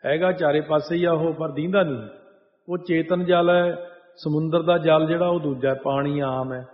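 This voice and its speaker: A man giving a Sikh religious discourse. He sings lines of scripture slowly, then explains them in plain talk. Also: fairly high pitch, steady tone. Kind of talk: sermon, chanting verses then explaining. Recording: echoey hall over a tinny line.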